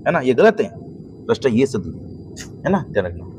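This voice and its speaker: Male teacher, grammar lesson, patient explaining, frequent check-ins, mid pitch, noisy background. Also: sing-song, brisk. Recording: noisy recording.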